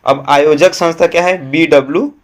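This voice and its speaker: A man's voice: a little high, a little fast. Coaching teacher quizzing his class. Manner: question-and-answer teaching, frequent "है ना" and "ठीक है" checks. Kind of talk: current affairs lesson.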